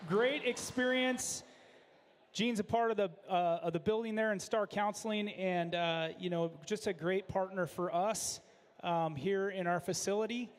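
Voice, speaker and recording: High-voiced man hosting in an echoey hall. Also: unhurried. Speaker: event host. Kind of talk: unscripted announcements at a benefit auction. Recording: echoey hall with long reverb.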